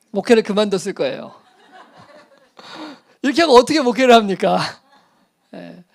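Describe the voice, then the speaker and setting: A man's voice: sits high, creaky. Storytelling male pastor. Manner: animated storytelling, acting out voices, laughing at himself. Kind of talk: sermon with personal story.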